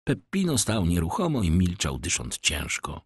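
A man narrating a classic novel as an audiobook in an expressive, dramatic manner. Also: sits low, normal speed, breathy edge, no echo, clean studio sound.

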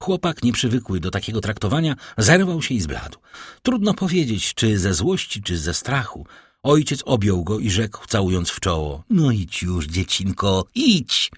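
A man narrating a classic novel as an audiobook in a dramatic, expressive way. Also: fairly low pitch, moderate pace, breathy edge, no room sound. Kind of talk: scripted literary narration.

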